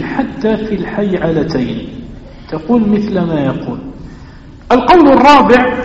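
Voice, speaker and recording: A man's voice: high-pitched, a little mellow. A man giving a religious lesson in a mosque, explaining step by step and asking questions that he then answers himself. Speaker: religious teacher. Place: mosque prayer hall. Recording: echoey mosque hall, dull lo-fi sound.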